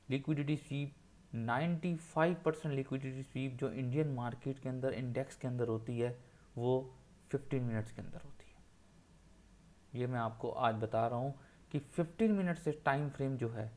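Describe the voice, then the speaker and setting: Male trading teacher, mid-pitched, insistent and repetitive, walks through charts on screen. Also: mellow. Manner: insistent, repeats points for emphasis. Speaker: trading educator. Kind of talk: screen-share chart tutorial.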